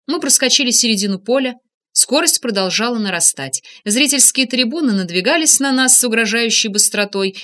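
Bright-voiced woman narrating an audiobook. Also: mid-range voice. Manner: steady, expressive reading. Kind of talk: scripted first-person narration.

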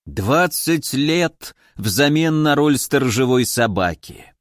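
A man putting on a gruff ancient hermit. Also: mid-range voice, very animated, measured pace, no room sound, clean studio sound. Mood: excited. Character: grumpy tiny ancient hermit, bossy and gruff.

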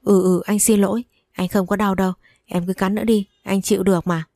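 A woman's voice: medium pitch, flat delivery, brisk, dark tone, dry recording, studio quality, close to an everyday voice. A woman reading a story aloud, voicing a flustered, panicky young husband who stammers and repeats himself.

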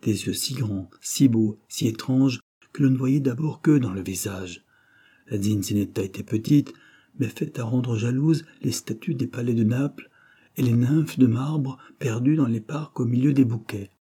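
Man narrating an old novel, dark husky voice, steady reading. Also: medium pitch, normal speed. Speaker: audiobook reader.

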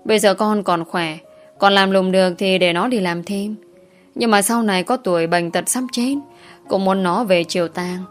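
A woman's voice: mid-range voice, normal speed, faint music behind, natural voice. A woman voicing a poor, desperate older father who pleads hesitantly. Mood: pleading.

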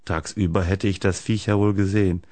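Guy voicing a talkative big x-ray nurse, deep dry voice. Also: steady tone, fairly quick, a little mellow, dry recording. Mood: chatty. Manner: talkative, tops every story. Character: chatty sturdy female X-ray nurse.

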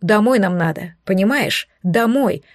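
A woman's voice: mid-range voice, measured pace, no room sound, clean studio sound, close to an everyday voice. A woman voicing a teasing young adult brother who snorts and bosses others around. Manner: mocking, bossy.

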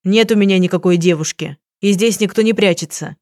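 A woman's voice: on the low side, fairly quick, darkish tone, no room sound, studio quality, natural voice. A woman reading an audiobook, voicing a stubborn, injured young man who speaks curtly through clenched teeth. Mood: defensive. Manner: curt, clenched.

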